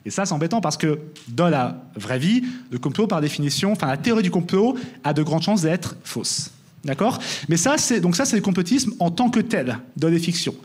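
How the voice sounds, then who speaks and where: A young man giving a lively conference talk, often checking in with "d'accord?". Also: on the high side, moderate pace, slightly rough. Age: young adult. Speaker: conference speaker.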